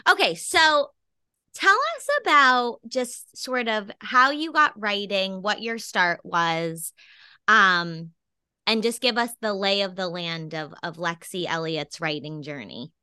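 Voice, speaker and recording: A woman hosts an interview over a video call. Her voice is bright and forward, and her manner is enthusiastic and effusive. The sound is dry and close. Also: mid-range voice, slow pace, clear, resonant tone, dry recording. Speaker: podcast host.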